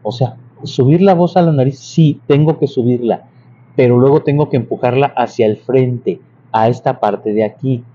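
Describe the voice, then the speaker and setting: Here a church music and singing instructor speaks at a moderate pace in a mellow, medium-pitched voice. The casual vocal lesson is full of patient explanation, many restarts, examples, and sung demonstrations, captured with dull, slightly lo-fi sound and faint noise.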